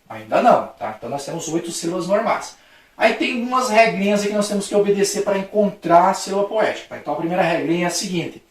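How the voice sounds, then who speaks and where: A man's voice: high-pitched, distant mic. A man with a Brazilian Portuguese accent teaching a recorded lesson at a board, friendly and patient, ending his points with a checking "right?" and acting out playful examples. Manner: friendly, with frequent checking "tá?" tags; acts out a playful street-shouting example for stress. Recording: very echoey room, voice from off-mic.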